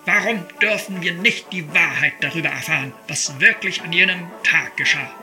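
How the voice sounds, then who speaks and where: A man's voice: fairly high pitch, normal speed, pushed and bright, soft background music, rough recording. An actor playing a bombastic male nationalist agitator who declaims rhetorical questions to a rally in a satirical audio drama. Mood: ranting.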